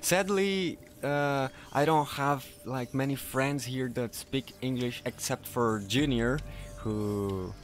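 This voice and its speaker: A man streaming a game in casual chat, speaking careful non-native English, halting and self-correcting, laughing often. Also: medium pitch.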